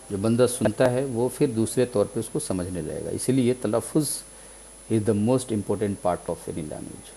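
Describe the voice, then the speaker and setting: A man's voice: on the low side, warm tone, a little hiss or hum, rough recording. A man teaching a vocabulary lesson in Urdu, patiently repeating each word and often checking in with his listeners. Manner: frequent "theek hai na" check-ins. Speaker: English teacher.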